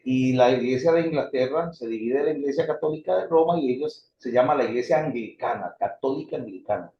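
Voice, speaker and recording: A man's voice: a little high, slight background noise. A man teaching a theology history class, calling his students brothers, his voice rising and falling as he explains. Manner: addresses students as brothers, lively rises and drops. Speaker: theology instructor. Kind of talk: classroom lecture. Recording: echoey room, dull lo-fi sound.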